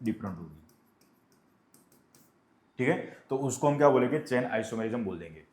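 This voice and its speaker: A male chemistry teacher lecturing a class, who asks questions and answers them himself and dictates definitions slowly. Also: mid-range voice, lively intonation, a little mellow, reverberant.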